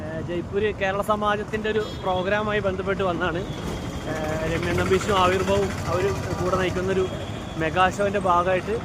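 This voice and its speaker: A man's voice: high-pitched, steady tone, a little fast. A man with a Kerala accent chatting casually for a travel vlog outdoors, mixing English words into his Malayalam. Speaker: vlogger and mimicry performer. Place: outdoors on a city street. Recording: loud outdoor street traffic noise.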